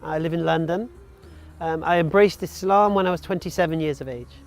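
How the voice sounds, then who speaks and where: This interview guest is a man in his forties who grew up in Wales and tells casual, frank stories about his life, filling his talk with ums and uhs. His voice is a bit high and a bit fast, with faint music behind him.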